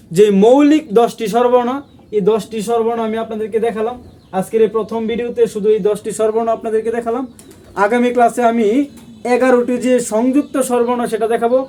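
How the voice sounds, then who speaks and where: A man teaching a language lesson, speaking slowly and repeating each sound aloud for learners. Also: very high-pitched, dark tone. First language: Bengali.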